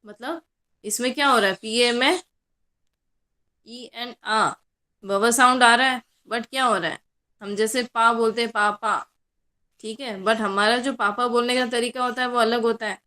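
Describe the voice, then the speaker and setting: A woman's voice: fairly high pitch, fairly even intonation, moderate pace, bright, forceful tone. A young woman college lecturer with a Hindi accent, teaching a class in a mix of Hindi and English and answering her own questions.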